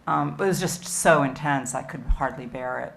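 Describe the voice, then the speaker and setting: Woman on a panel, super deep gravelly voice, noisy room recording. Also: normal speed. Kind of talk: panel discussion. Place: museum event room.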